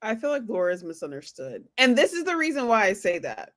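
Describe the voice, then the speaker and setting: A woman co-hosting a casual podcast chat, defensive and lively, acting out the people she quotes. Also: a little high, quick pace. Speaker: podcast co-host.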